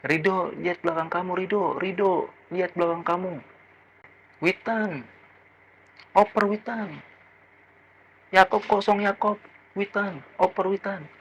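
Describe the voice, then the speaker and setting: A man imitating an excited male football fan who keeps shouting instructions at the players from the stands. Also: high voice, a little slow, long pauses, lo-fi sound, slight background noise, voice pushed up. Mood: frantic shouting. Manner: shouting repeated instructions from afar.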